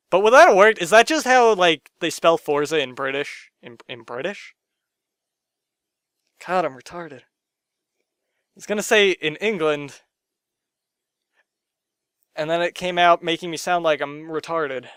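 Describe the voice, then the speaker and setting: A young man ranting to camera in his room, sarcastic and profane, jumping from loud outbursts to muttered asides. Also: on the high side, smooth, dry recording, clean studio sound. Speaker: gaming vlogger.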